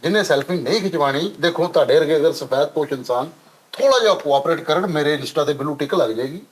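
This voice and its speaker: A man with a Punjabi accent playing a show-off donor, smoothly justifying himself in a comedy interview. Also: a little high, animated, fast, poor audio.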